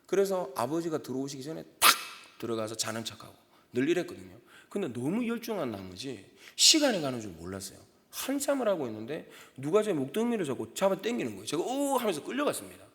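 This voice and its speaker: A man in his thirties preaching a sermon in a church, telling personal stories with lively delivery and acting out quoted voices. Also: a little high, fast talker. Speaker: pastor. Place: church sanctuary. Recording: long hall reverb.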